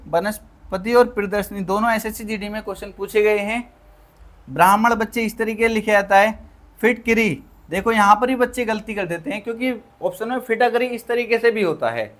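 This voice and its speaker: A man's voice: high voice, a bit bright. A man teaching an online Hindi spelling lesson for exam prep, who repeats each word, keeps calling his students children, and asks and answers his own questions. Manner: drills by asking and answering himself.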